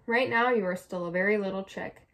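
A woman voicing a gentle, patient mother hen in a read-aloud storybook, speaking softly and calmly. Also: medium pitch, brisk, natural voice. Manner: soft, calm and reassuring.

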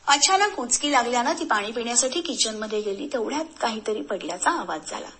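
A woman storyteller from Maharashtra reads a thriller aloud. Her delivery is measured and builds suspense, and her voice sits somewhat high. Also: lively intonation, fairly bright tone, slight background noise. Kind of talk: dramatic story reading.

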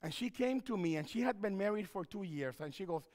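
A middle-aged pastor speaks with a high voice that rises and falls widely, often repeating himself as he paces. He wears a headset mic on a church stage. The sanctuary adds a long reverb to his words. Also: fairly quick. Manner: animated, repeats phrases, wide hand gestures while pacing. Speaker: pastor and counselor giving a seminar. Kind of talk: seminar talk in church.

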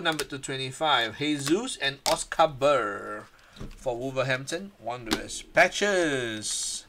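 Man, card break host, unhurried, crisp bright tone, slightly hoarse, listing player names. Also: mid-range voice, slight background noise. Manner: reads out player names one by one. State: a bit hoarse. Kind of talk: casual card break commentary.

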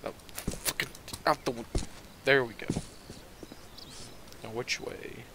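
A man's voice: medium pitch, steady tone, takes it slowly, background noise. A man giving casual, profane and joking commentary while playing a video game, often chuckling to himself. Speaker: let's play commentator.

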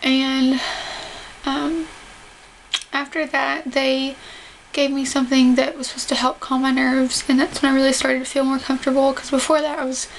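A woman's voice: high voice, level tone, moderate pace. A young woman talking casually to camera, with restricted jaw movement as she speaks carefully through banded teeth. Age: young adult. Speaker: vlogger describing surgery recovery. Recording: noisy home camera audio.

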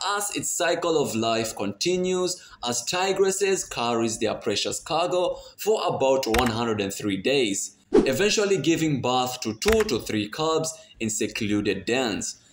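A man's voice: mid-range voice, very animated, unhurried, few pauses. A man reading scripted nature documentary narration in a dramatic way with a playful edge. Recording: roomy voice-over, faint noise.

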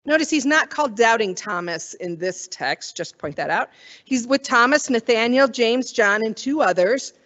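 A woman's voice: fairly high pitch, animated, normal speed, a bit bright, highs cut off. A woman pastor giving a sermon in a conversational way, wondering aloud and acting out the quoted voices.

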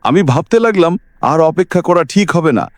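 In a recording with no echo, a man reads a scripted ghost story dramatically at a moderate pace. Lively shifts in pitch drive the suspense of his expressive delivery.

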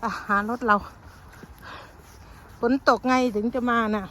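A woman's voice: fairly high pitch, steady tone, takes it slowly, bright, forceful tone, slight background noise. A woman from the northeast, speaking, chatting casually to her viewers as she walks a woodland path filming on her phone. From Thailand. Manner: chatty, keeps addressing viewers as friends while pointing things out. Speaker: vlogger. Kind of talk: casual walking vlog.

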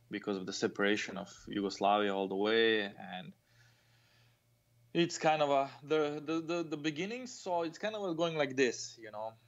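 A man in his thirties with a Croatian accent, a fencing coach and guest, talking in a halting, self-deprecating way over an earbud mic on a video call. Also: fairly low pitch, vocal fry. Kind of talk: casual interview. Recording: slightly dull video call audio.

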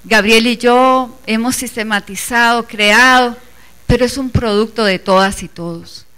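Speaking as a member of the organizing committee, a woman addresses a teachers' assembly in an earnest, emphatic public speech that draws the audience in inclusively. Her voice is smooth and sharp in tone, a little high, and a little slow.

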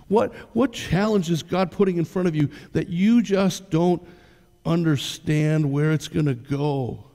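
An older pastor preaches a sermon in a conversational way from a church stage, asking the congregation direct questions. His voice is on the high side, dark in tone with vocal fry, and the church hall adds a long reverb.

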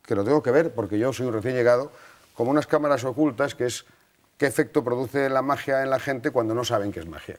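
A man guests on a TV studio talk show. He rambles and chuckles at a middle pitch, often restarting his sentences. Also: darkish tone. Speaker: guest, TV presenter. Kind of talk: TV studio interview.

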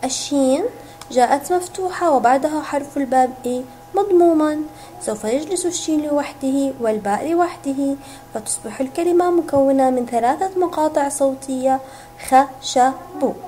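A woman teacher giving a recorded reading lesson to young children, sounding out syllables slowly and stretching each word. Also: high-pitched, mellow, slight background noise. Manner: slow, drawn-out syllables, sounding words out. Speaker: kindergarten teacher.

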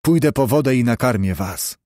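A man's voice: mid-range voice, expressive, moderate pace, warm tone, no room sound, studio quality, lightly acted. A man voicing a stern, strong exile who speaks tersely and gives orders, in an audiobook. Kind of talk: audiobook character voice.

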